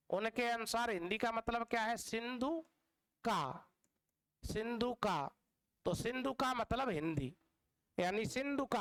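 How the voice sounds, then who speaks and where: A man's voice: very high voice, fairly bright tone, clear, resonant tone, rough recording. A man teaching an exam-prep lesson, explaining patiently with repetition and drawing out key words as he speaks to his students as dear children. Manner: drawn-out stressed words. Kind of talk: exam-prep Hindi lecture.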